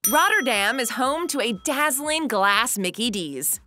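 A woman narrating a scripted countdown list in an upbeat, even read. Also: fairly high pitch, unhurried, loud music behind the voice.

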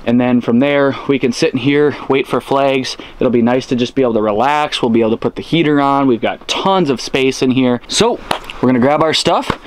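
A man's voice: mid-range voice, brisk, slight background noise. A young man hosting an outdoor vlog on a frozen lake, talking to camera with upbeat enthusiasm. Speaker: outdoor channel host. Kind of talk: energetic vlog presenting. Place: outdoors on a frozen lake, then inside an ice tent.

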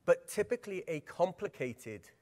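He's a Welshman in middle age, presenting at a conference workshop at a normal speed in a voice a bit on the high side. Keen to involve people, he speaks vividly and keeps asking them things, all ringing through a big, reverberant hall.

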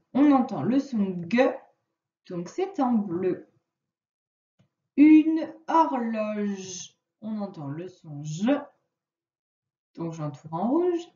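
A woman teacher giving a remote phonics lesson to a child, dictating words slowly and carefully from her computer. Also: on the high side, mellow, roomy sound, recorded from a distance, dull audio. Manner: slow, carefully articulated word dictation.

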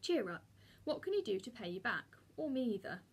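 A woman's voice: on the high side, big pitch swings, a little fast, gravelly, a little hiss or hum. A woman reading the part of a cheerful schoolboy who talks breezily and reassuringly.

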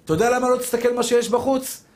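Rabbi guy preaching, really high voice for a man, keeps saying dear brothers, acts out talks with god. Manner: fervent, addresses listeners warmly as dear brothers; acts out imagined dialogues with God. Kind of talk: spoken Torah lesson, sermon.

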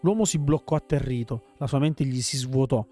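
A man reading a dark game story aloud in a measured, grave storytelling manner. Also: medium pitch, faint music behind. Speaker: let's player reading story text.

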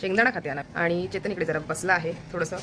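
A woman's voice: on the low side, fast talker, a crowd in the background. A woman hosting a casual family home vlog from her kitchen, talking straight to her viewers in a chatty way with plenty of fillers. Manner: chatty, addresses viewers directly, many fillers. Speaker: family vlogger. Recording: noisy home ambience.

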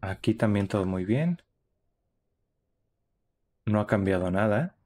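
A man's voice: fairly low pitch, expressive, slow pace, darkish tone. A young man, giving chatty, upbeat running commentary while streaming a horror game. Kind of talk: live gaming stream commentary.

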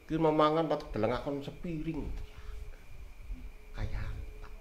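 Seated on a sofa before a green backdrop in a small room, an elder spins herbal folklore in a rambling, casual way, his volume swinging emphatically. He speaks unhurriedly in a voice on the high side, with roomy echo and a faint hiss around him.

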